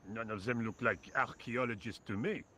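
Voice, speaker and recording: A man plays a work-shy French painter in a point-and-click game. He speaks with a French accent in a dry, indifferent drawl at a middling pitch, with a faint hum of crickets behind. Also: moderate pace, pushed and bright, close to an everyday voice. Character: lazy sarcastic French workman painter. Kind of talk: video game voice acting.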